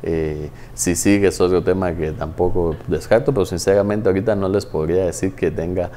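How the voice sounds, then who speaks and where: A man speaks low and mellow in a TV studio interview. He explains things in a measured way, pausing often on hesitant fillers. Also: fairly even intonation, a little hiss or hum. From Guatemala. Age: 30s. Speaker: guest, former tax agency head.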